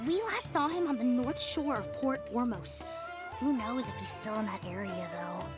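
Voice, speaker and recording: A woman's voice: a little high, animated, normal speed, over loud music, lightly acted. An actress playing a young woman companion in a video game, speaking in a casual, informative way. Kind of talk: game voice acting.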